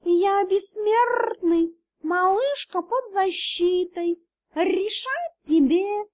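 A woman's voice: very high-pitched, lively intonation, extremely slow, a little mellow, voice pushed up, full character voice. A woman voicing a cheeky male cat who is the spirit of a golden dragon, teasing and drawling in an audiobook. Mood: cocky. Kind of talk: audiobook character voice.

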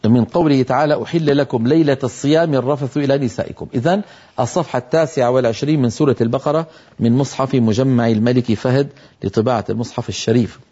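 A middle-aged man teaching Quran recitation, explaining rules and slowly demonstrating how words should be pronounced. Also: mid-range voice, warm tone, slightly rough. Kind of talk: tajweed lesson with recited examples. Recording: dull lo-fi TV broadcast audio.

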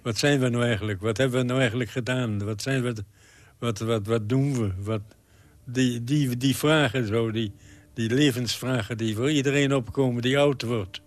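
A man in his nineties giving an interview, halting and repeating words as he searches for them. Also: medium pitch, fairly even intonation, no echo. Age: 90s.

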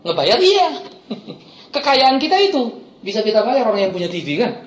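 A middle-aged man preaching a sermon as a pastor, animated, swinging between loud exclamations and quiet asides and laughing often. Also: sits high, moderate pace, slight background noise. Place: church hall. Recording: echoey church hall.

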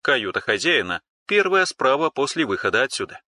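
A man's voice: medium pitch, big pitch swings, fairly quick, bright, forceful tone, dry recording. A man voicing a female ship AI in an audiobook, dry, formal and sarcastic. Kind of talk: audiobook character reading.

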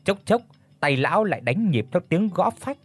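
A man narrating a folk tale audiobook in an expressive storytelling manner. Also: high-pitched, moderate pace, breathy edge.

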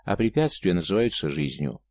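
A man reading as a gloomy, taciturn male warrior in a storybook: gravelly, grave and measured. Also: sits low, sing-song, darkish tone, no room sound.

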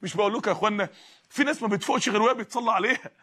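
A man with an Egyptian accent preaching an emotional sermon, rising to shouts and dropping to hushed pleas. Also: high voice, racing. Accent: Egyptian Arabic. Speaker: Islamic preacher.

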